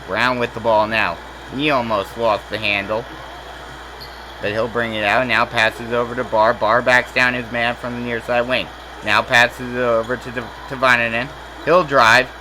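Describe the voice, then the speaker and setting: A man calling simulated basketball play-by-play, rattling off each possession and jumping up in pitch and volume when a shot drops. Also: little pitch movement, noisy background. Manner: rapid play calling that rises sharply on made shots. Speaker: play-by-play announcer.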